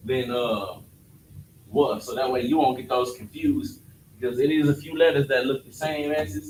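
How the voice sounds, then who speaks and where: This man's voice sits in the mid range and has a slightly mellow quality. He's teaching a class on letters of the alphabet in a casual way, frequently checking that students understand. The recording is echoey, with a distant mic and faint noise.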